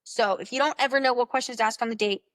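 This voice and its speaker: A young woman giving casual, upbeat dating advice to camera, chatty and full of "like" and "literally", acting out quoted lines in a high excited voice. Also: quick pace, no echo.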